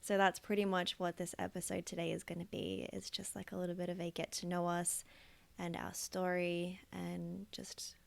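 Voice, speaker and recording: An Australian woman in her thirties co-hosts a casual podcast, chatting with lots of fillers and quick laughs. Her voice is lowish and gravelly, her delivery completely flat, and her pace moderate.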